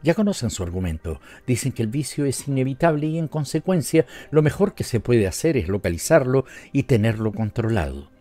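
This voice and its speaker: A man's voice: medium pitch, sing-song, a little fast, hardly any pauses, warm tone, lightly acted. A man voicing an indignant, zealous middle-aged male missionary in a stern, vehement storybook reading.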